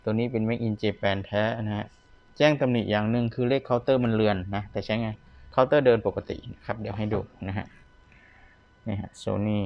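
A man's voice: on the low side, muffled recording. A man giving a casual, polite product demonstration as a seller, talking the viewer through equipment. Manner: polite, ends most phrases with courtesy particles.

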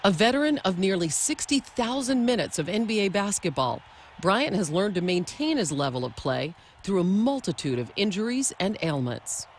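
A woman's voice: mid-range voice, sing-song, slight background noise. Woman narrating a TV sports feature. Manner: measured, polished delivery. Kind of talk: scripted news narration.

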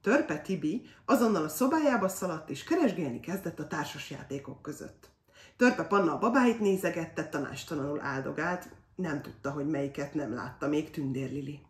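A woman reading a children's fairy tale aloud in an expressive, animated way. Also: deep voice, recorded from a distance. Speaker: storyteller. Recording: roomy echo.

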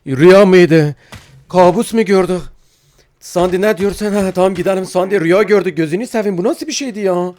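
Brief: male let's-player, a bit high-pitched, excitable and easily startled, chatting to viewers. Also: a little fast, slight background noise. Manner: excitable, talks to viewers, jumpy reactions. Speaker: gaming YouTuber. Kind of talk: let's-play commentary.

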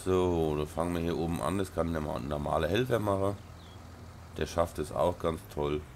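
A let's play host with a very deep, slightly mellow voice and a Rhine-Hessian German accent chats casually over his game, hoarse and stuffy from a cold with a sore throat. He mumbles and fills gaps with lots of ums, and a faint hiss runs under the desk-mic audio.

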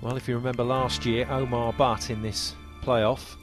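A man's voice: medium pitch, flat delivery, moderate pace, music in the background. A man commentating on a golf tournament, summing up the state of play.

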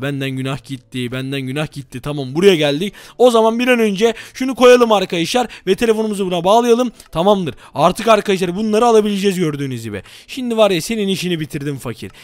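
Fast, excitable young gaming host. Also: male voice, high voice, no echo. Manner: excitable, talks straight to viewers. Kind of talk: gameplay commentary.

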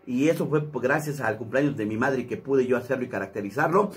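A man's voice: medium pitch, fast talker. A man, a comedian chatting casually to his channel in a rambling way. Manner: chatty, rambling, many fillers. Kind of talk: casual vlog talk.

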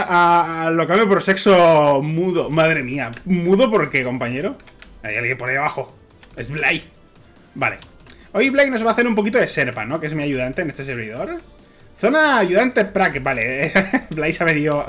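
Young man, excitable streamer, swears and laughs, faint music behind. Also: on the high side. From Spain. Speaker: Minecraft streamer. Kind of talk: casual gameplay stream commentary.

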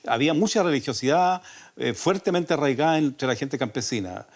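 A man's voice: medium pitch, animated, a little fast. Older Chilean man, folk singer guest, rambling storyteller, many restarts and fillers. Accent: Chilean Spanish. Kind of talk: relaxed storytelling interview. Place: radio studio.

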